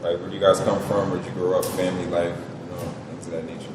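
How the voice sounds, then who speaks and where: A man's voice: low voice, flat delivery, fast. A man hosting an interview, asking questions in a casual, encouraging way. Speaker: interviewer host. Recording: distant, echoey room with noise.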